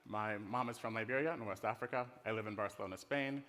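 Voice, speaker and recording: With a lowish voice that comes out pushed and bright, the middle-aged design director speaks fast. He's from the Netherlands, has an American accent, and gives a casual, playful, conversational conference presentation on a hall stage. The room is reverberant.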